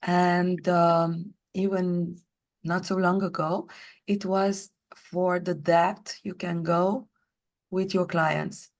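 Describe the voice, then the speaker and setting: A woman with a hoarse, worn voice that sits low in her range, speaking as a guest on an interview podcast. She takes her time, placing each phrase slowly and deliberately. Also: little pitch movement. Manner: deliberate, slow careful delivery. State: hoarse, voice partly lost. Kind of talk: conversational interview.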